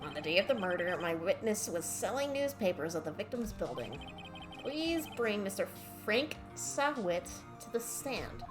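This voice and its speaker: Woman playing smug male game prosecutor, formal, measured, probing, music in background. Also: medium pitch, big pitch swings, lightly acted.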